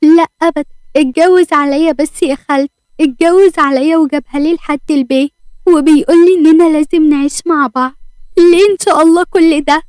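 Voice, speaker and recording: Brief: a woman doing a proud young Egyptian wife, high and loud, fast angry lines. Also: fairly even intonation, no echo, natural voice. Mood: tearful, bitter. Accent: Egyptian Arabic. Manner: heated, loud, pleading. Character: young wife, proud, furious, demanding divorce.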